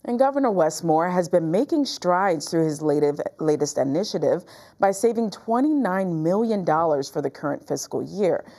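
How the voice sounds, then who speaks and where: A woman's voice: lowish voice, animated, moderate pace, mellow. A woman with an American accent presenting the news as a co-anchor. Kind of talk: scripted news reading.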